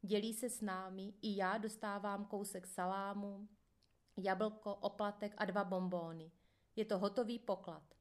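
A woman reading a first-person memoir aloud in a calm, measured way. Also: mid-range voice. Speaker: audiobook reader. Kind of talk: scripted first-person narration.

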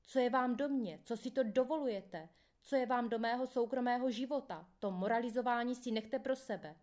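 Brief: woman reads a loud, contemptuous male interrogator, furious and bullying. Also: medium pitch, lightly acted. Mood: shouting. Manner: shouting, contemptuous.

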